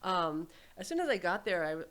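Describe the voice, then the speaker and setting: A middle-aged woman from New talks. Her voice sits a little low. She chats in a relaxed way, full of fillers and quick laughs. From New Jersey. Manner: chatty, laughs often, many fillers. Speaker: podcast guest. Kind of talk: casual interview chat.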